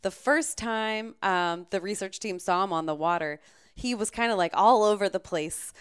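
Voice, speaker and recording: Clear-voiced woman scientist, chatty. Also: medium pitch, normal speed. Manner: chatty, laughs easily, many fillers. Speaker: shark research scientist. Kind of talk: casual interview answers.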